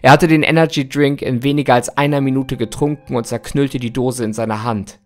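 A man's voice: medium pitch, fairly even intonation. Man narrating a horror story. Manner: hushed, measured storytelling. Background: faint background music.

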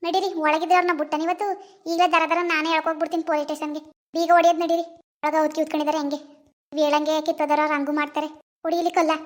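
A bossy, vengeful village woman rattles off indignant threats in a very high, quick voice, played by a woman in an animated cartoon drama. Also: natural voice. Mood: angry. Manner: scolding, indignant, rapid.

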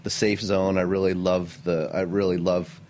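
A middle-aged man with a notably low voice, speaking as a chef in a studio interview. He answers earnestly and with energy, sprinkling in "you know" and "um" as he goes. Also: little pitch movement, moderate pace, darkish tone, a little hiss or hum. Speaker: chef and restaurant owner. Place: radio studio.

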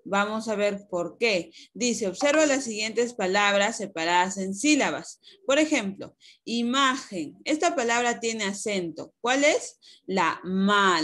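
A woman teaches young pupils over a video call. She explains patiently and slowly, asking questions and then answering them. Her voice sits at an ordinary middle pitch. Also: fairly bright tone. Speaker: primary school teacher. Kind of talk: online class lesson.

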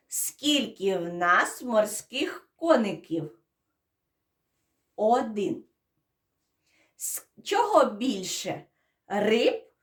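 A woman's voice: mid-range voice, fairly bright tone. A woman, a preschool teacher, giving a counting and first-sound lesson to young children, asking questions and prompting answers. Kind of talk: early-years counting and phonics lesson.

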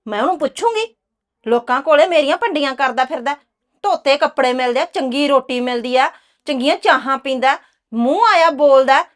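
A sharp-tongued village housewife, voiced by a woman, high-pitched. She scolds and curses freely. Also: expressive, moderate pace. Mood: scolding. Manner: scolding, cursing. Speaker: actress. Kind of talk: village drama dialogue.

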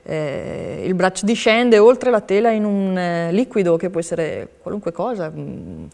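A woman's voice: on the low side, big pitch swings, unhurried, vocal fry, a little mellow. A young woman answering interview questions as an artist, reflective and hesitant, with trailing phrases. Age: young adult. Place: indoor TV studio with hard floor. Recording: long hall-like studio reverb.

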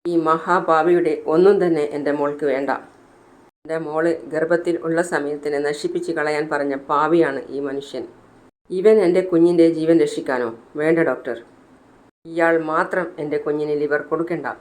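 A woman's voice: deep voice, fairly even intonation, normal speed, a little mellow, close to an everyday voice. A narrator voicing an anguished middle-aged mother in a retold serial, pleading with a doctor. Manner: pleading, distraught.

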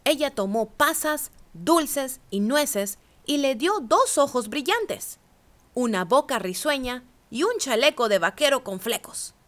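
A woman reading a children's picture book aloud with expressive, animated storytelling. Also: high-pitched, takes it slowly.

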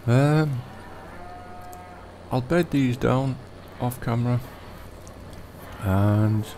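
A man giving relaxed, rambling commentary over a farming game, with lots of ums. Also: mid-range voice, extremely slow, a little hiss or hum. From Britain. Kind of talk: casual gameplay commentary.

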